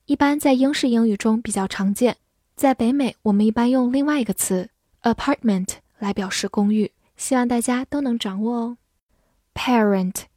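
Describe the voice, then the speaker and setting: Female teacher, native Mandarin speaker, higher voice, dry close recording, spells English words and drills sentences slowly. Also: a little mellow, no echo. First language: Mandarin Chinese. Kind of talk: scripted vocabulary lesson.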